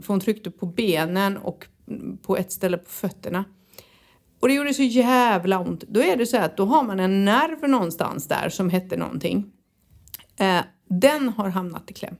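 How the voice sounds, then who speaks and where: A woman co-hosting a casual chat, telling a lively anecdote with swearing and laughter. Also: medium pitch. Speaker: podcast co-host.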